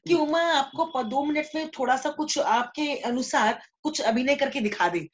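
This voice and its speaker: A woman's voice: sits high, moderate pace, a little hiss or hum. A woman with an Indian Hindi accent hosting an online theatre workshop, speaking in an effusive, eager and appreciative way. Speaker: workshop host. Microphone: video call. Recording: muffled video-call audio.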